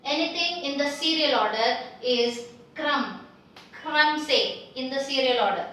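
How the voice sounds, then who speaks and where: Slow, bright-voiced woman teaching Hindi letters. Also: sits high. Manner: patient, repeats sounds slowly for learners. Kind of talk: language lesson. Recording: roomy echo, mic at a distance.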